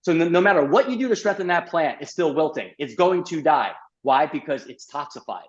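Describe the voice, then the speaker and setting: A middle-aged man, a doctor as guest, telling his story in a lively podcast interview, full of fillers and "like". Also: on the high side, brisk, highs cut off, a crowd in the background. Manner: animated, uses many fillers and "like".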